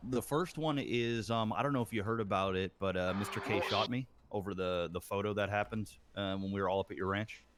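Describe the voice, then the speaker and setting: In a low-ish voice, a roleplay gang member rambles through a long in-character story, a little fast and with hardly any pauses, though still full of ums and uhs. He acts out other people's lines, and a little hiss or hum sits under the audio.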